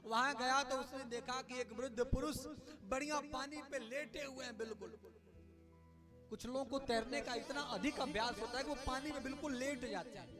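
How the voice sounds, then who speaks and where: A man's voice: very high voice, steady tone, moderate pace. A male preacher from telling devotional stories in a live sermon and putting questions to his audience. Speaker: Bhagavat Katha preacher. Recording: live with loud accompanying music.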